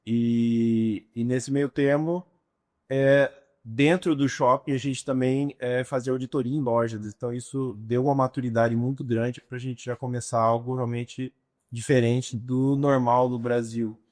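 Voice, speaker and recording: Unhurried storytelling Brazilian man. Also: medium pitch, steady tone, a little mellow. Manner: unhurried storyteller, pauses often to find words. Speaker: guest, restaurant entrepreneur. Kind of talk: casual interview talk.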